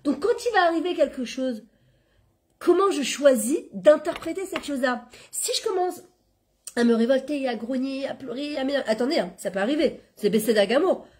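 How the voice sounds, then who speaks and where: Animated woman teaching a spiritual class. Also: high-pitched, moderate pace. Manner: animated, conversational, mixes Hebrew terms into French. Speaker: Torah class teacher and coach. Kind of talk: informal religious lesson.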